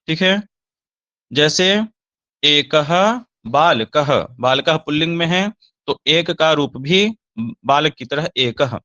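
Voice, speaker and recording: A man teaching Sanskrit grammar, slowly reciting verb forms in a recorded lesson, with a Hindi accent. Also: on the high side, bright, forceful tone, no echo.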